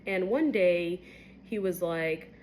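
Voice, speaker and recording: A Kenyan-born medical resident in her twenties tells a personal story to the camera, speaking slowly in a slightly mellow voice. She's candid and conversational, uses lots of fillers, and her pitch climbs when she gets to the shocking parts. There's a little background noise.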